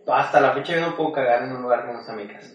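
A man with a Mexican accent telling a lively anecdote in casual chat, often laughing. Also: mid-range voice, rapid-fire, recorded from a distance, highs cut off. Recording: very echoey room, away from mic, faint noise.

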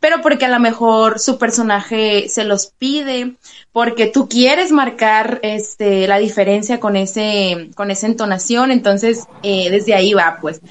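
A woman's voice: mid-range voice, a little slow. A woman radio announcer with a Sonoran Mexican accent, chatting casually and explaining her craft with plenty of fillers. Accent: Sonoran Mexican Spanish. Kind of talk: casual interview chat.

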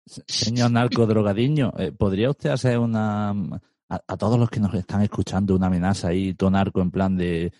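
A man's voice: on the low side, steady tone, fairly quick, dark tone, no echo, clean studio sound. A man co-hosting an improvised comedy podcast, asking questions in a mock-formal, playful way. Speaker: podcast co-host interviewing the character.

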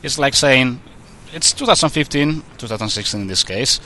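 A man from the Basque Country with a Basque accent, conducting a casual interview in a halting, informal way, searching for words. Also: mid-range voice, expressive, bright, forceful tone, slight background noise. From Basque Country, Spain.

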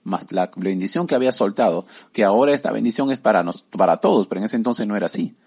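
A man's voice: on the low side, fast, a little mellow, husky. Conversational man preaching a Bible story. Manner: conversational, peppered with tag questions, acts out quoted voices. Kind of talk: casual sermon retelling a Bible story.

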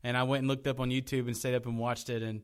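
Podcast co-host, male, mid-range voice, animated and rambling with restarts. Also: medium pitch, fast, clear, resonant tone. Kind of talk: casual chat.

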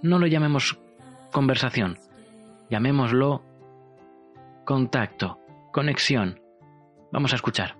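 A man hosting a paranormal show, telling it in an earnest, confessional way and slowing down to stress points. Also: mid-range voice, animated, fairly bright tone, faint music behind. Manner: earnest, insistent, slows for emphasis. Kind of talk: confessional radio-style narration.

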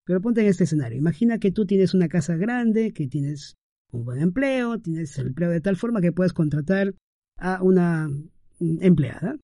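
Gravelly-voiced man talking casually. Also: sits high, lively intonation, moderate pace, dark tone, no room sound, studio quality. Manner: conversational, frequent "¿no?" tags and fillers. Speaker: podcast host. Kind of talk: casual monologue.

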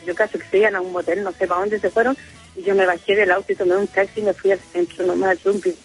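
A woman's voice: medium pitch, flat delivery, fast talker, soft background music, poor audio. Chilean woman, emotional phone-in caller. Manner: emotional, rambling storytelling. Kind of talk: phone-in confession.

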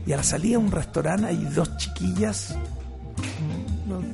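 Gravelly Chilean man telling a story. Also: sits high, normal speed. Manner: animated, slangy, full of restarts. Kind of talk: casual storytelling chat. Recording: music playing behind.

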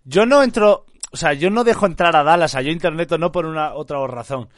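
A man's voice: a little high, a little fast, crowd noise. A man from in a casual chat, talking animatedly, laughing often and mimicking others.

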